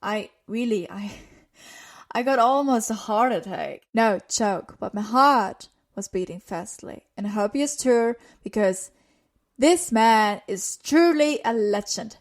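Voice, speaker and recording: An eager woman hosts a casual podcast interview, laughing often between her questions. Her voice sits a bit higher than most women's. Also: expressive. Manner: eager, giggly, fast-moving questions. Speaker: podcast host.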